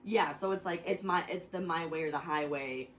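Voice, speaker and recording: A woman's voice: sits low, normal speed, roomy sound, a little hiss or hum, rough recording. A woman rambling through a mock lecture to her friends, stopping and restarting and laughing often. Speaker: host explaining to friends. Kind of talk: casual chat, mock lecture.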